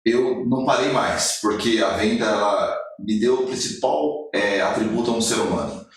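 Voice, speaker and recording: A man in his forties with a somewhat low voice tells his life story as a guest on a podcast. He is an animated storyteller who acts out the lines he quotes. The room is very echoey and he sits a little back from the mic. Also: normal speed, far from the mic. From Brazil. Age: 40s. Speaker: podcast guest, motivational speaker.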